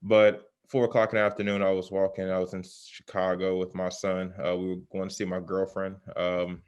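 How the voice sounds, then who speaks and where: A man talking through a mask that muffles him, giving a halting, conversational personal account in an interview. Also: low voice, monotone, a little mellow, clear, resonant tone. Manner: halting, pausing often with "you know". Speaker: interview guest, self-defense shooting survivor.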